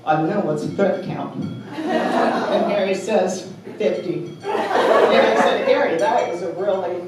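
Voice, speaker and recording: Woman, family tribute speaker, unhurried storyteller, heard from afar in a very echoey hall. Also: mid-range voice, animated, very noisy. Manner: chatty storyteller, joke-telling. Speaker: family member giving a tribute. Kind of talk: anecdotal memorial speech. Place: memorial gathering in a large room. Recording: very echoey hall, mic far off.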